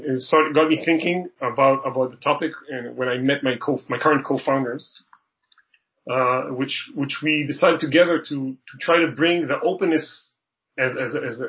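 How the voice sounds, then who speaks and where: A man from Israel, a startup co-founder, answering interview questions earnestly, often repeating words and restarting. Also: mid-range voice. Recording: dull lo-fi audio.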